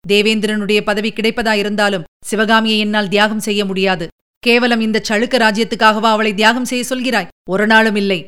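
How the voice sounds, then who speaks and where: A woman's voice: mid-range voice, flat delivery, normal speed, a bit bright, clear, resonant tone, natural voice. A woman voicing an older male Buddhist monk in an audiobook, speaking in a bitter, hissing, cursing way. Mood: furious. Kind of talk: audiobook character reading.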